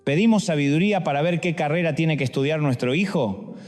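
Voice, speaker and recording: A man's voice: on the high side, fairly quick, darkish tone, in a large hall, faint music behind. A man preaching a sermon, firing off dramatic rhetorical questions.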